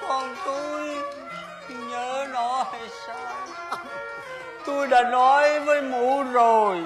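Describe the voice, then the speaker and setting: A man's voice: extremely high pitch, fairly even intonation, slow pace, music in the background. A man plays an ailing old father in a folk opera, despairing and curt with his wife. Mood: irritable. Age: older. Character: sick, weary old father, grieving and irritable.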